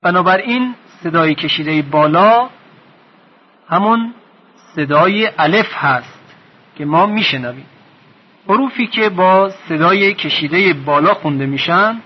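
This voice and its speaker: Male teacher, raised pitch, deliberate pacing, stretches sounds to demonstrate; lo-fi tape quality. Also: slightly rough. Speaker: Quran reading teacher. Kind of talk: recorded lesson. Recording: dull lo-fi recording.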